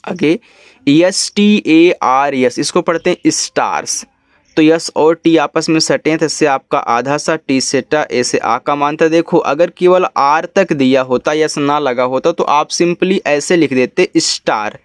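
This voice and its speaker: A man's voice: on the high side, a little slow, no echo, studio quality. A man with a Hindi accent teaching English reading, spelling each word out letter by letter and then explaining it patiently.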